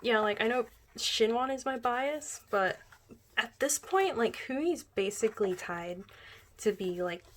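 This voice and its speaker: A young woman chatting casually while unboxing a music album, gushing as a fan and often dropping into excited whispers. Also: a little high, unhurried.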